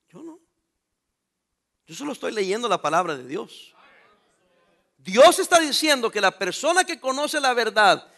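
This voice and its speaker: A man's voice: very high-pitched, gravelly, pushed and bright. A middle-aged man, a pastor preaching a sermon with emphatic rhetorical questions to his congregation.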